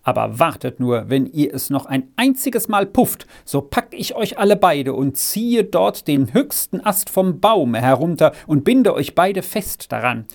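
A man's voice: on the high side, big pitch swings, unhurried, creaky, hardly any pauses, heavily acted. A man voicing a fierce farm boy who grimly threatens his little brothers. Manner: grim, threatening.

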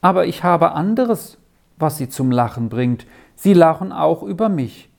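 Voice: mid-range voice, lively intonation, a little slow, creaky. A storyteller voicing a shy, timid little girl in a children's storybook, with a lifted young-sounding voice. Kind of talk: storybook reading.

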